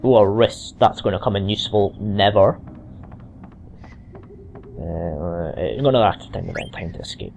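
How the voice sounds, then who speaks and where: This is a man with a mild Scottish accent giving loose, chatty let's-play commentary. His voice sits fairly low and he restarts and wanders between asides. A faint hiss from a cheap microphone runs underneath. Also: moderate pace, vocal fry, long pauses, a little mellow. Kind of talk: casual gameplay commentary.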